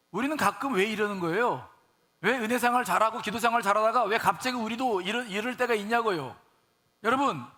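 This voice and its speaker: A male pastor preaching a sermon, questioning the congregation and mixing soft asides with raised exclamations. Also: high-pitched.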